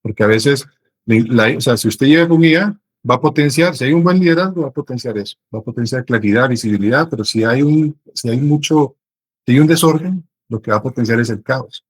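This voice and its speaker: A middle-aged business consultant from Honduras answers interview questions at a measured pace. His voice has a slightly husky, breathy edge. He often pauses, restarts and gathers his thoughts mid-sentence. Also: mid-range voice, poor audio.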